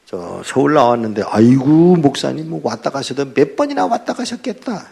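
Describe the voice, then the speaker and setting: An older male pastor giving a testimony sermon, telling his story in an animated way and acting out the dialogue. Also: medium pitch, moderate pace, gravelly, breathy edge.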